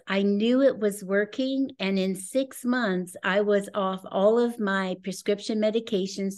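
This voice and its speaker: A woman's voice: mid-range voice, a little mellow. Sixties lady on a video call webinar, eager and earnest, talking from home. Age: 60s. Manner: earnest, enthusiastic, personal testimonial. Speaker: presenter of a business opportunity. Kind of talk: webinar presentation. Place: home room with a scenic backdrop, indoors. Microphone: video call webcam.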